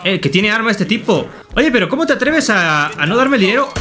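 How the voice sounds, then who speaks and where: Mexican guy doing let's play commentary, high voice swinging all over, goofy and jokey. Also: a little fast, a little hiss or hum. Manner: playful, joking, loud excited outbursts. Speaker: gaming YouTuber.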